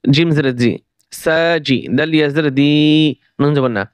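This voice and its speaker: A man teaching Quran reading, spelling out each syllable and then drawing the whole word out slowly. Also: a little high, smooth, no echo. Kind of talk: recorded recitation lesson.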